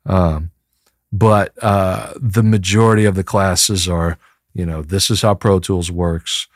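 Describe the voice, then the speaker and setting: Low-voiced New man, close and dry. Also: steady tone, slow, dry recording. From New Orleans, USA. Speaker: interview guest, musician. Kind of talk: casual conversational interview.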